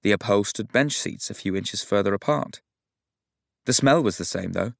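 A man reading a novel aloud as narrator in a measured, even storytelling manner. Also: on the low side, gravelly, no room sound, studio quality. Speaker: audiobook narrator. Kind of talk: scripted narration.

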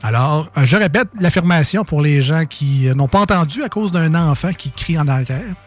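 A man's voice: fairly high pitch, lively intonation, moderate pace, faint music behind. A man with a Quebec French accent hosting a radio game show, playful and teasing, laughing often in casual banter.

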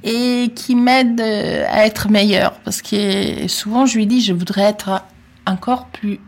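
This interview guest, a middle-aged Italian woman with an Italian accent, talks slowly in a steady, medium-pitched voice with vocal fry. Her answers in the personal conversation are talkative and reflective, full of hesitations and soft laughter.

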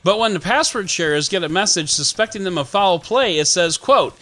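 A man's voice: sits high, expressive, fairly quick, pushed and bright. A man hosting a scripted tech news podcast, reading with wry, joking asides. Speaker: podcast host.

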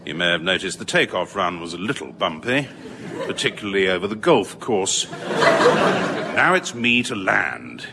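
A man playing a mischievous veteran co-pilot who gives a dry, teasing, mock-formal announcement to passengers over the cabin loudspeaker in a radio comedy. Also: sits low, sing-song, measured pace, gravelly, in a large hall, noisy background, full character voice. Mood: wry. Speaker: airline first officer.

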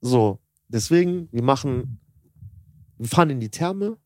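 A man's voice: medium pitch, lively intonation, measured pace, no room sound, studio quality. A man hosting a podcast in casual chat, pushy and talking over the others, often repeating himself. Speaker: podcast host.

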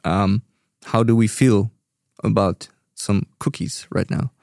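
Chill podcast host guy, lowish voice, dry mic. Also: takes it slowly, creaky, a little mellow, no room sound. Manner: easygoing, moderating the chat. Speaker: podcast host, community manager. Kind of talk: casual podcast hosting.

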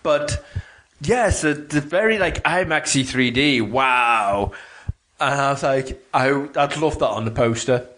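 A man's voice: mid-range voice, lively intonation, slow, a bit bright. A man co-hosting a podcast in loose casual chat, in an echoey empty room. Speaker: podcast co-host. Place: empty spare room indoors.

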